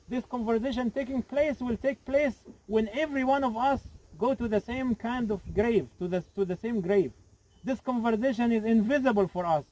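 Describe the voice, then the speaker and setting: A man's voice: high voice, mellow, low-quality recording. A middle-aged man, an imam, giving an earnest outdoor sermon at a graveside, repeating phrases and asking rhetorical questions. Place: outdoors at a cemetery, crowd standing around. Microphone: camera a few metres away.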